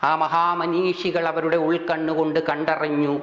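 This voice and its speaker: An older man with a Kerala Malayalam accent gives a religious discourse slowly and deliberately, with long pauses. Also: a little high, level tone, a bit bright, highs cut off. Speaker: spiritual speaker. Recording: echoey hall.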